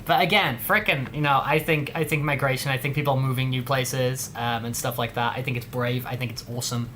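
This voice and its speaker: A man with an English accent hosts a livestream, chatting casually and rambling, leaning heavily on slang like "dude" and "bro." His mid-range voice is a bit bright, fairly even in intonation, and a little fast, with slight background noise.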